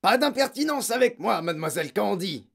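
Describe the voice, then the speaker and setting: A narrator voicing a huge, brutal, bullying headmistress in an audiobook, barking and shouting insults. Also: mid-range voice, big pitch swings, moderate pace, vocal fry, pitched above the performer's own voice. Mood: furious. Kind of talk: audiobook character voice.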